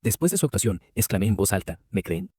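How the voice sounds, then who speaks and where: A man narrates a story recap at a rapid clip in a low, husky voice. The recording is dry and close, with no room sound, and his read stays brisk and even from line to line. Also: no echo.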